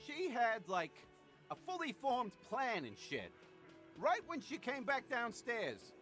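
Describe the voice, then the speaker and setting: A shrill, hot-headed young dockworker. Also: male voice, huge pitch swings, takes it slowly, soft background music, heavily acted. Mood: angry. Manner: shouty swearing outbursts.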